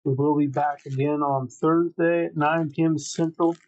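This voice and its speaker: A man's voice: on the high side, steady tone, normal speed, a little mellow, highs cut off. A man hosting a livestreamed trading card break, calling out names matter-of-factly in short clipped phrases.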